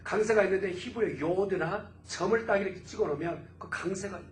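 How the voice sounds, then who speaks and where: A man pastor preaching a fervent sermon in a church, his voice swelling to loud exclamations. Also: high voice. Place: church sanctuary. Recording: roomy church echo.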